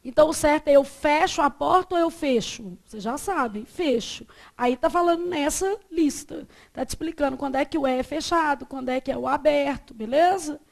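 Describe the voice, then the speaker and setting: A Brazilian woman teaching a Portuguese class, quizzing her students and drawing words out slowly to show how they are said. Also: high voice, creaky. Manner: lively, asks the class questions and answers them herself; stretches words out slowly to model pronunciation. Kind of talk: classroom lecture.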